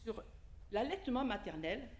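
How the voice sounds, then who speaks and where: A native Italian woman from Italy, working as a lay preacher, gives an informal sermon in a church hall during a service. Her fairly high voice has lively intonation at normal speed in an echoey room, and she talks conversationally to the congregation with questions and asides.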